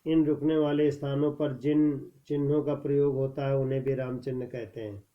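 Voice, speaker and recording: A man teaching a scripted grammar lesson at a measured pace, announcing each heading more loudly and reading the examples more softly. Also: mid-range voice, flat delivery. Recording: dull lo-fi recording.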